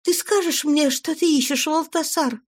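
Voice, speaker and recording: A woman's voice: sits high, moderate pace, pitched above the performer's own voice, natural voice. Brief: female reader does anxious loving wife, raised and fervent. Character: devoted wife, anxious and passionate.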